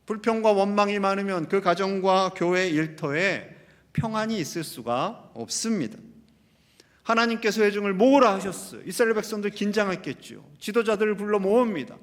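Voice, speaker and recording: A man's voice: sits high, lively intonation, normal speed. A male pastor preaching a sermon, asking rhetorical questions and acting out quotes. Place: church sanctuary. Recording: long church-hall reverb.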